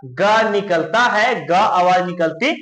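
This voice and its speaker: A man's voice: high voice, slow, a bit bright, roomy sound, rough recording. A man teaching English letter sounds, repeating questions and answers to his students. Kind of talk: spoken English lesson.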